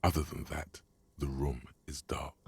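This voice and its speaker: An actor narrating a detective video game in the second person, wry and commanding, like an inner voice. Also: male voice, extremely low pitch, flat delivery, unhurried, creaky, darkish tone, breathy edge, no room sound, full character voice.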